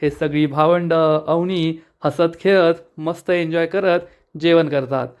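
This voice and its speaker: A man narrating an episode recap, telling the story steadily and quoting each character's lines in turn. His voice sits somewhat high for a man. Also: steady tone, slow, darkish tone, clear, resonant tone.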